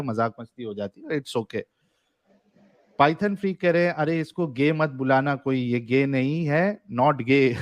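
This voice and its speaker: A man with a medium-pitched voice hosts a livestream debate show, with no echo on the audio. He reads viewer messages aloud casually and jokingly, laughing often.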